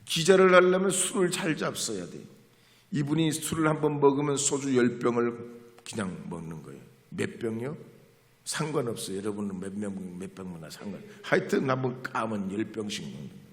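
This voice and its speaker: A middle-aged male pastor preaching a sermon, switching from quiet asides to the congregation to loud, emphatic exclamations. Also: fairly low pitch, expressive, a little fast. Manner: chats with the congregation, asks them to repeat after him. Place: church sanctuary. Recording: long hall reverb in a church.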